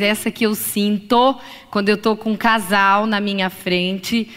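A woman psychologist giving a live lecture to an audience, talking expressively and acting out examples. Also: mid-range voice. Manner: expressive, acts out examples in voices. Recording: long reverb of a lecture hall.

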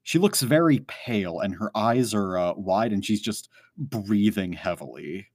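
A man's voice: lowish voice, expressive, a little slow, darkish tone, no echo, clean studio sound. A man narrating a tabletop game as game master, rambling with many fillers. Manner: rambling, full of "like" and "um".

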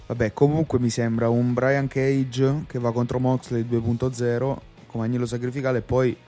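A man giving opinions as a co-host in a casual chat, hesitant, low-key and resigned. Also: level tone, normal speed, mellow. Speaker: podcast co-host. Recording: muffled lo-fi audio with music behind.

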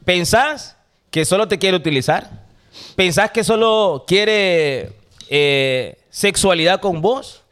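A man steering a relaxed podcast chat with slow, teasing questions. His voice sits high, and his questions linger. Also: clean tone. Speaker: podcast host.

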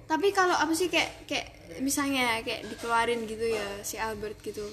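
A woman's voice: on the high side, steady tone, normal speed, over a noisy crowd. A teenage girl chatting casually with a friend, hesitant with many fillers. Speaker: podcast co-host. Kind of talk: casual gossip chat.

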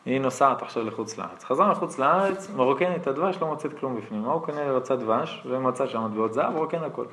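A man, a rabbi, giving a storytelling lesson to an audience and acting out the people in his tales with lively changes of voice. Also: mid-range voice.

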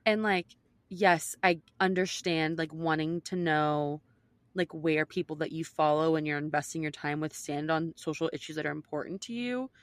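A woman's voice: sits low, moderate pace, no room sound. A woman co-host talking casually and giving her opinions emphatically, peppering her sentences with "like". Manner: emphatic, heavy use of "like".

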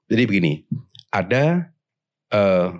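A man with a fairly low voice talks through his ideas in a relaxed panel discussion. He is measured and explanatory, with frequent pauses and restarts as he searches for the right words.

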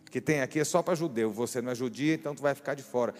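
A pastor voicing a blunt, stern Jesus. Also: male voice, on the low side, sing-song, a little slow, darkish tone, full character voice. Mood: curt. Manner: curt, dismissive. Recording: echoey hall with music.

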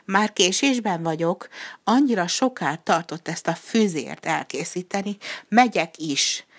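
A woman voicing a proud, hurried cow in a storybook who thinks she is the wisest animal, huffy and haughty. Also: on the low side, animated.

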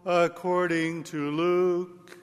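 A male priest delivers scripture and homily in a solemn, deliberate way. His voice sits a little high and moves slowly, with long cathedral echo trailing each phrase in a large church. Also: level tone, faint music behind. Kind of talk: liturgical Gospel reading and homily. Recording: echoey cathedral-like hall with long reverb.

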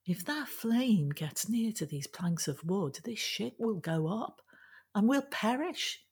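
A woman's voice: mid-range voice, animated, slow, darkish tone, slightly rough, pitched above the performer's own voice, heavily acted. A woman voicing an anxious shipbuilding sister. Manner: anxious warning. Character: fearful sister who built the ship.

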